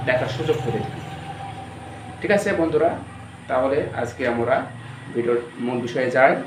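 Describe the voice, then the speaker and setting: A man's voice: medium pitch, background noise. A man with a Bangladeshi accent teaching students as an English teacher, drilling each letter over and over and asking the class questions. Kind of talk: classroom-style lesson addressed to students. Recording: roomy echo, distant from the mic, faint ambience.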